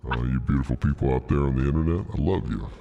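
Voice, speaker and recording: A man streaming casually, speaking through a voice changer that makes his voice deep and altered. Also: fast, gravelly, muffled recording, soft background music. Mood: laid-back. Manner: relaxed, greeting viewers. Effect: deep voice changer filter.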